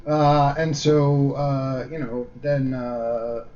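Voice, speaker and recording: A man's voice: mid-range voice, level tone, extremely slow, a little mellow. A man co-hosting a comedy podcast, chatting casually with rambling jokes and many fillers, and reading a story aloud. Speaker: podcast co-host. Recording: dull lo-fi recording.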